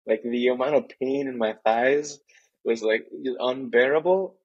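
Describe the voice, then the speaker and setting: A man's voice: mid-range voice, a little slow, breathy edge, muffled recording. A young man from Tijuana and San Diego, chatting casually as a podcast guest, rambling with many restarts. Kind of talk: casual chat.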